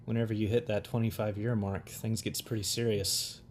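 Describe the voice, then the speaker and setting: A young man makes laid-back jokes in a low voice. A faint noise sits under the recording. He speaks casually. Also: level tone, normal speed, darkish tone. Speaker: podcast co-host. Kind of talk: casual podcast chat.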